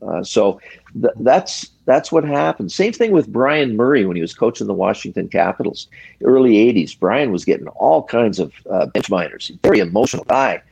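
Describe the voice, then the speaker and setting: An older man with a low, gravelly voice tells stories as a guest in a relaxed interview. He talks in a measured, reflective way, in short phrases with pauses, and the sound is close and dry. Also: dry recording. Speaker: retired hockey referee, guest. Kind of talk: storytelling in a casual interview.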